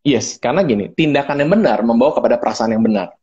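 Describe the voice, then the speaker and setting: A man telling a personal story in casual chat, animated and acting out both sides of the dialogue. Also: fast talker, husky, lo-fi sound. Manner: animated, acts out both sides of dialogue with big pitch jumps. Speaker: guest speaker, deacon. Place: home, live social media broadcast.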